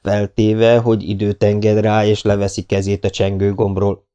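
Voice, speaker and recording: A man's voice: fairly low pitch, monotone, warm tone, clean tone, highs cut off, lightly acted. A man reading an audiobook, voicing a friendly, polite middle-aged burglar with a courteous, chatty manner. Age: 40s. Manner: courteous, chatty, self-deprecating. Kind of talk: audiobook character voice.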